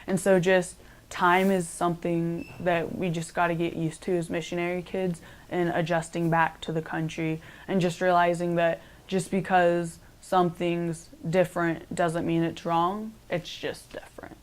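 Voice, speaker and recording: A young college-age woman talks through her interview answers in a relaxed, chatty way. She keeps dropping in "like" and "um" as she thinks aloud. Her voice sits a bit low for a woman. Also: measured pace. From Cambodia. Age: young adult. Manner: chatty, many "like" and "um" fillers.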